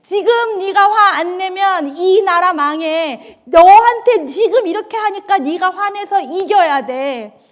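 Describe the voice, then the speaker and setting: A woman's voice: very high-pitched, slow pace, voice pushed up. A woman pastor voicing Satan as a goading tempter in her sermon, coaxing and egging the listener on.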